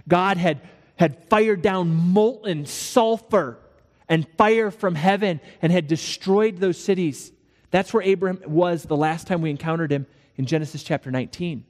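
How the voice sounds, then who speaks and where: A man preaching a sermon, walking through a scripture passage and acting out the dialogue in lively storytelling. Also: fairly high pitch, big-room sound. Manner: animated storytelling with acted dialogue. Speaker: pastor.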